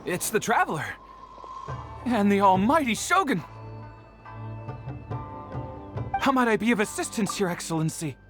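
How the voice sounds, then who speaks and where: Woman as flustered, animated humble servant. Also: mid-range voice, a little fast, soft background music, close to an everyday voice. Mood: respectful. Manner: flustered, stammering, obsequious. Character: nervous, deferential, humble estate servant. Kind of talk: anime game voice acting.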